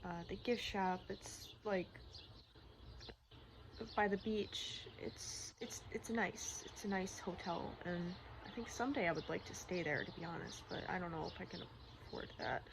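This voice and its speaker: Halting, low-pitched woman over birdsong and noise. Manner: rambling, halting, repeats herself. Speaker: personal vlogger. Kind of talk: candid personal vlog talk. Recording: clearly noisy outdoor-like ambience, birdsong. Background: birdsong and environmental noise.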